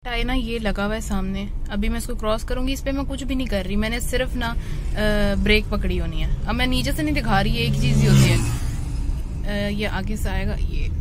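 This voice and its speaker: Young woman, driving vlogger, casual step-by-step talk, phone mic in a moving car with clear road noise. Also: medium pitch. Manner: explains each step plainly, slipping English phrases in. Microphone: phone held in one hand.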